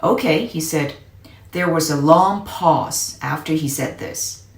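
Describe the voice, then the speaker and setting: A woman with a deep voice hosts a children's read-aloud, narrating slowly while explaining words and asking the listener questions. The recording has a roomy echo, with faint music behind.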